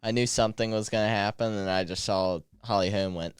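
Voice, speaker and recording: A man's voice: fairly low pitch, fairly even intonation, brisk, slight background noise. A man co-hosting a podcast, giving blunt, contrary opinions in short replies during casual fight talk. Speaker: podcast co-host. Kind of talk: casual chat about fights.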